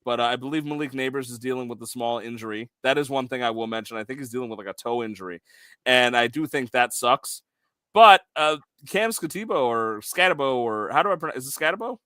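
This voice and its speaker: A man co-hosting a sports podcast, chatting casually as an excitable storyteller who makes quick asides. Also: medium pitch, smooth, dry recording, studio quality. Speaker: podcast co-host.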